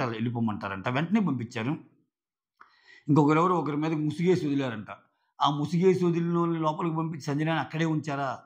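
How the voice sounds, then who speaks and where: A man's voice: a little high, muffled recording. A man giving casual, chatty commentary on a reality show, often acting out the lines he quotes. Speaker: show reviewer.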